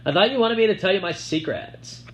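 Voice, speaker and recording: A man's voice: medium pitch, normal speed, a little hiss or hum, lightly acted. A man reading an audiobook, voicing a sly, show-off young girl who taunts in a sing-song way. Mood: teasing.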